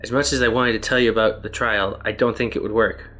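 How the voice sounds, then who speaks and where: A man voices a weary test subject who has been lost for ages in a strange other world, reading written tablets in a plain, even way. His voice is low, steady and slightly deep without ever straining, and the pace is quick.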